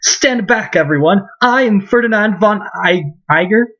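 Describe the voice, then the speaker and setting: A man's voice: high voice, lively intonation, normal speed, a bit bright, pitched above the performer's own voice. A man voicing a pompous, self-assured young nobleman who declaims grandly in a fan voice-over of game dialogue. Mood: boastful. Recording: muffled lo-fi mic.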